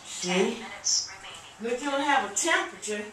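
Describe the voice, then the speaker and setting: A woman's voice: on the high side, lively intonation, measured pace. A woman chatting casually and teasingly in a small bathroom. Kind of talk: casual chat. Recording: echoey bathroom, distant, noisy background.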